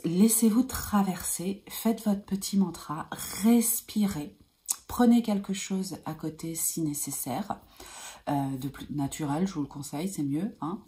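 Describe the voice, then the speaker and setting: A woman energy healer gives advice to her viewers in a vlog, speaking gently and soothingly and repeating calming phrases like a mantra. She hesitates often, with many fillers and restarts, and sometimes drops to a soft whisper. Her voice is lowish.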